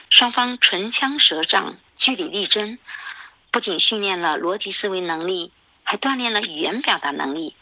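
A woman teacher giving scripted commentary in a formal, measured and instructive manner. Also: mid-range voice, bright, forceful tone, no echo, low-quality recording.

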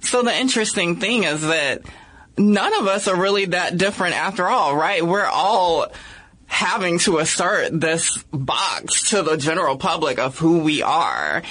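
A woman speaking as a podcast guest in a casual discussion, earnest and measured, often checking in with "right?". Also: fairly low pitch, animated, a bit bright. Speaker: podcast guest, activist and writer.

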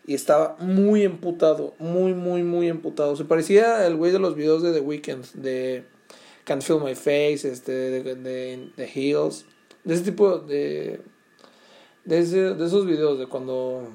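A man's voice: on the high side, unhurried, gravelly, mellow. A young man with a Mexican accent, telling a story to his viewers in casual, slangy talk full of swearing and fillers. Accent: Mexican Spanish. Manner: slangy, swearing, restless retelling with many fillers. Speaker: vlogger.

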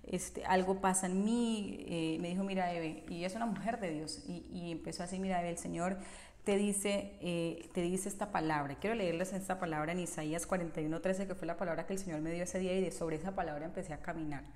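A woman's voice: lowish voice, steady tone, fast, darkish tone, reverberant. A woman telling her personal faith testimony in an earnest, emotional storytelling manner, acting out the voices she quotes.

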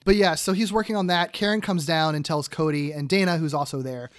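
Higher-voiced man chatting enthusiastically. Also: a little fast, clear, resonant tone. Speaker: podcast co-host. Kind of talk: casual episode recap chat.

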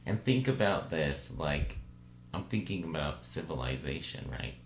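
Musing and tentative, this podcast co-host keeps tossing in "right?" and "you know" during a casual discussion. He speaks unhurriedly with lively intonation and a creaky voice, recorded in a roomy space with low hum and hiss.

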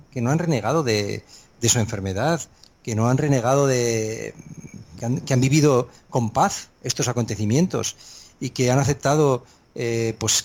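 A man's voice: medium pitch, darkish tone. Hesitant, reflective man on faith. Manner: thoughtful, hesitant with many fillers and restarts. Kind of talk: reflective conversational preaching.

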